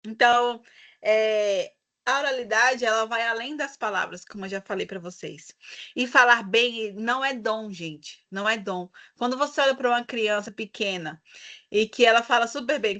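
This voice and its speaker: A Brazilian woman leading a teacher training session, speaking expressively and stretching words for emphasis. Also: on the high side. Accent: Brazilian Portuguese. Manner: lively, expressive, drawn-out emphasis.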